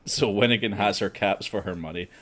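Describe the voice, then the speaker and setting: Male game master, very low voice, playful storyteller. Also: fairly quick, fairly bright tone. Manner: amused, often laughing, theatrical rhyming narration. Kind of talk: narrating a tabletop game.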